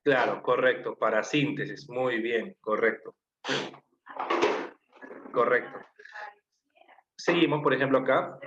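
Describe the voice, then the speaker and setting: A man's voice: medium pitch, takes it slowly, pauses often. A man with a Peruvian Spanish accent teaching a grammar class, asking students questions and listing examples. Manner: asks the class questions, repeats answers, lists examples. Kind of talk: online class lecture. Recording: muffled, echoey room, faint noise.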